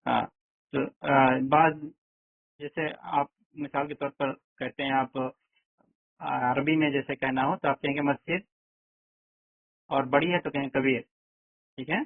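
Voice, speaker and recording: A man's voice: mid-range voice, fairly even intonation, gravelly, long pauses, dry recording. A man teaching an online language lesson, explaining step by step and often checking that students understand. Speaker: Arabic teacher. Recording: tinny online call audio, dry.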